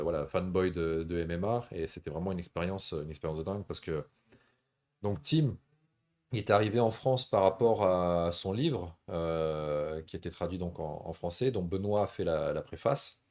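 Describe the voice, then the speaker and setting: A man's voice: deep voice, moderate pace, a little mellow. A man with a radio-presenter voice that is easy to listen to, telling stories casually as host of a live stream. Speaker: host of a combat sports stream.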